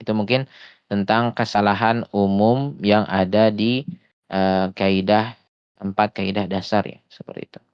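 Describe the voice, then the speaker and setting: A man gives an online Quran recitation lesson in a low, smooth, resonant voice. He explains patiently, pausing on small hesitations and slowing down to demonstrate sounds. The audio is dry and a little dull, like lo-fi voice chat. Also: steady tone, dry recording. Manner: often slows to demonstrate sounds. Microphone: voice chat headset or desktop mic.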